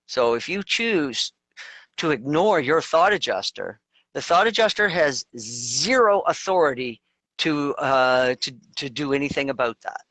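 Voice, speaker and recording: A man's voice: on the high side, lively intonation, unhurried, pushed and bright, dry recording. A man co-hosting a casual spiritual discussion, talking emphatically in long runs with crude asides. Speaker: co-host.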